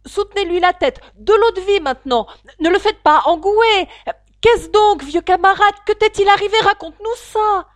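A woman voicing a crowd of small animal servants calling out excitedly in a storybook reading. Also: high voice, moderate pace, dry recording, studio quality, pitched above the performer's own voice. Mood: fussing.

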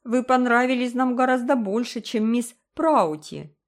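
A woman voicing an excitable little girl who speaks in high exclamations. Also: unhurried. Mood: excited.

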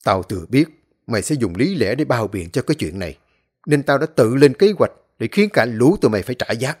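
A man's voice: medium pitch, sing-song, brisk, a little mellow, breathy edge. A man voicing a bitter, hot-tempered young male sect disciple who speaks in a harsh, accusing, raised voice. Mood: resentful.

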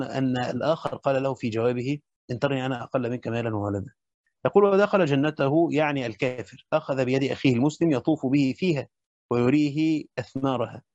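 A man's voice: mid-range voice, darkish tone, no room sound. A man with an Egyptian accent reading a classical commentary aloud and explaining it as a teacher, breaking into colloquial asides. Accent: Egyptian Arabic. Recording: dull lo-fi dry recording.

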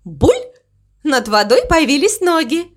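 A woman narrating a children's storybook in an expressive, animated way. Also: a little high, moderate pace. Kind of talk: storybook reading.

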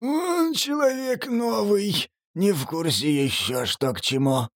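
Man acting out a prison boss, slow menacing drawl, hissing, dry close sound. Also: high voice, animated, dry recording, voice pushed up, full character voice. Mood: stern.

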